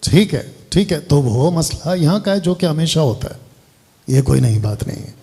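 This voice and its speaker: A man's voice: on the high side, expressive, normal speed, vocal fry, mellow, breathy edge. A man preaching a sermon as pastor, directive, often breaking off to give instructions. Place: church hall.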